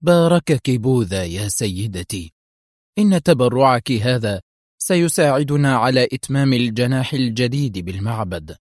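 A man doing a calm sly old monk. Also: mid-range voice, no room sound, clean studio sound, close to an everyday voice. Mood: quiet, wary. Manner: quiet, slow and suspicious.

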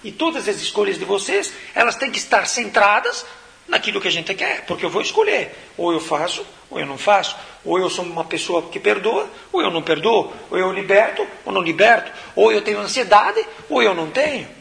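High, lively gaúcho man giving a talk. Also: brisk, gravelly. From Rio Grande do Sul, Brazil. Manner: asks rhetorical questions and answers them, casual and conversational. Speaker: spiritist lecturer. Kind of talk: spiritual talk to a live audience.

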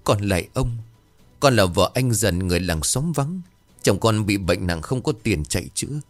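A man's voice: lowish voice, animated, normal speed, dry recording, faint music behind. A man voicing a frail poor village woman who speaks timidly and humbly, her voice raised. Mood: humble.

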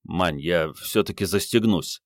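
A man's voice: deep voice, measured pace, dry recording, studio quality. A man voicing a sheepish, flustered older department boss in an audiobook, meek and pleading.

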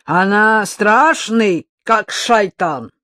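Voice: mid-range voice, very animated, slow, no echo, studio quality. A reader voicing a spiteful male smuggler with a strong foreign accent who drawls and insists. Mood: sullen menace.

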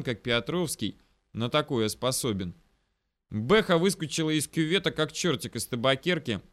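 A man narrating a military story in the first person for an audiobook, brisk and vivid. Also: mid-range voice, fairly bright tone.

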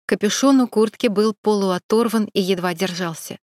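An audiobook narrator reads a detective novel aloud from a script, telling the story in an even, clear way. Her mid-range voice moves at a moderate pace, and the studio recording is clean and dry.

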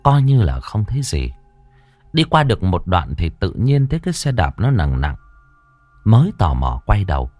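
A man's voice: sits low, wildly swooping pitch, normal speed, darkish tone, dry recording. A man narrating a ghost story in a dramatic storytelling manner. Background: faint music.

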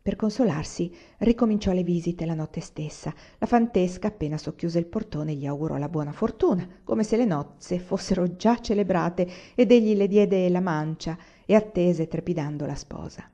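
Woman reading a novel, mellow tone. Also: fairly low pitch, moderate pace, few pauses. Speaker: audiobook reader. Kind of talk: literary audiobook narration. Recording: dull lo-fi recording.

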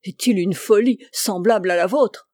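A proud young princess from an old fairy tale, vain yet easily frightened, as a woman reads her lines. She sounds emphatic and pleading in a mellow, warm voice, recorded close and dry. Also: medium pitch, moderate pace, no room sound, lightly acted.

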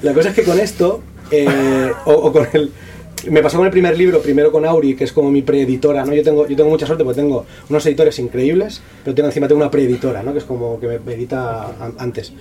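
A man, an author talking about his book at a bookshop event in fast, slangy, profane speech full of restarts. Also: a little high, dark tone. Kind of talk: casual talk at a book presentation. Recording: distant voice with faint room noise.

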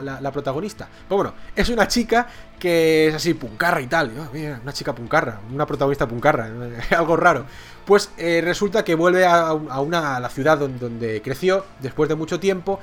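A man talks casually as a podcast co-host, his voice sitting a little high. He piles up words like "very, very, very" in his eagerness and restarts often. Soft music plays faintly underneath. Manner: enthusiastic, repeats words for emphasis, many restarts. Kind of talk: casual chat reviewing series.

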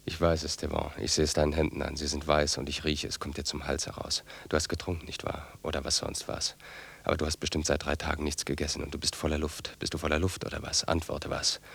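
An actor playing a mocking man who needles his brother with rapid-fire questions in a radio play. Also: a bass voice, completely flat delivery, gravelly, a bit bright, breathy edge, heavily acted. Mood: probing.

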